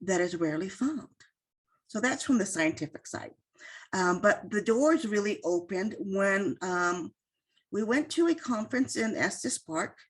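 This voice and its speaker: A woman's voice: medium pitch, husky. A middle-aged woman guest speaker telling a story in a casual, chatty way on an online call, with many fillers and quoted asides. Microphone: online video call.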